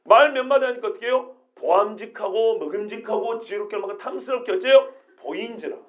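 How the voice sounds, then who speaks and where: A male pastor preaching an expository sermon, animated, throwing rhetorical questions at the congregation. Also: sits high, quick pace.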